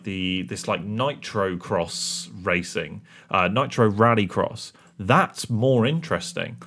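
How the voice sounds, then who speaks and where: A podcast co-host with a fairly low, fairly bright voice chats casually. He rambles off on tangents and cracks self-mocking jokes.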